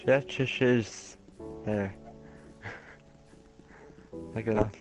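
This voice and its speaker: A young man chatting casually while playing a game, laid-back and quick to laugh at himself. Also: on the low side, soft background music, rough recording. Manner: laid-back, giggly, self-mocking. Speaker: gameplay streamer. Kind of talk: casual gaming chat.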